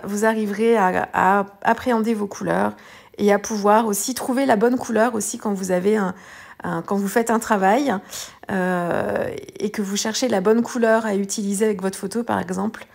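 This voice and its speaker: A woman's voice: medium pitch, fairly even intonation, normal speed, gravelly, a little mellow. A woman hosting an art journaling video, talking through her page in a casual, rambling way with many hesitations and restarts. She sounds tired. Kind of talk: casual tutorial voice-over.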